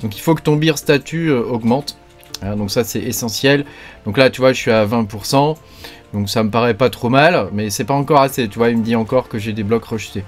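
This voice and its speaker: A man's voice: mid-range voice, a little fast. Man, YouTube crypto host, chatty and rambling, mid voice, light music bed. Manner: rambling, heavy fillers and verbal tics. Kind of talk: joking casual video talk.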